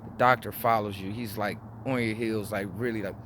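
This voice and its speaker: Rambling man in his forties, low-pitched. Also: fairly even intonation, a little fast, background noise. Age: 40s. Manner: rambling, with frequent restarts and fillers. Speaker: vlogger. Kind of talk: casual personal review.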